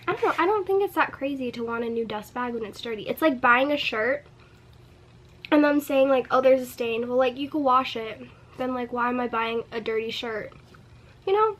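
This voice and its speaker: A young woman telling a story in a casual vlog while eating, chatty and animated, with frequent filler words and laughs. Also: sits high. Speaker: vlogger.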